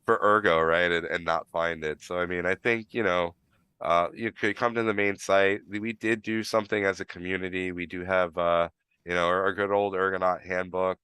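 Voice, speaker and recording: A man with a New York accent, slightly tinged with Florida, walks through the details in a loose, rambling way, full of "you know" and restarts. His voice sits very low and sounds smooth and resonant. The sound is dry and close. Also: fairly even intonation, normal speed, sharp tone, no room sound. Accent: New York, with some Florida. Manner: rambling, lots of fillers and restarts. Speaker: live stream host. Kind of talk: casual explanatory chat.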